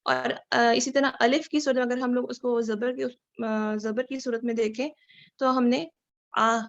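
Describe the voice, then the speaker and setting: A woman teaching Quran recitation in an online lesson over slides. She talks slowly and patiently, stretching out Arabic words to show how they are pronounced. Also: on the high side, level tone, vocal fry, muffled recording. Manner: slow, patient, drawing out Arabic words to demonstrate pronunciation.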